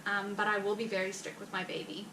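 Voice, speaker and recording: A South African vlogger with an Afrikaans accent, heavily pregnant, chats to viewers in a rambling way with frequent fillers and quick laughs. Her medium-pitched voice is monotone and sharp, and the distant mic captures a roomy space with background noise.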